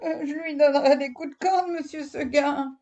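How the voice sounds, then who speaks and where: A woman voicing a gentle but stubborn young female goat who pleads politely in a high voice. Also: fairly even intonation, normal speed, close to an everyday voice. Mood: pleading. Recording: dull lo-fi recording.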